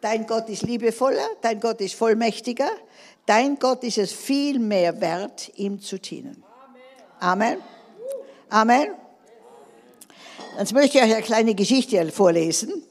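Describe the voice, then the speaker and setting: A woman's voice: on the high side, normal speed, a little mellow. A woman preacher delivering an emphatic sermon, often calling for an amen from the congregation. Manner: emphatic, calls for amens. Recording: long hall reverb.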